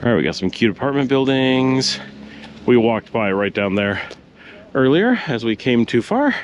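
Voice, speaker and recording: A man's voice: mid-range voice, very animated, normal speed, lo-fi sound, a little hiss or hum. A man giving casual commentary on a walking tour through city streets, pointing out shops as he walks. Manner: chatty, pointing things out as he walks. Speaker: vlogger.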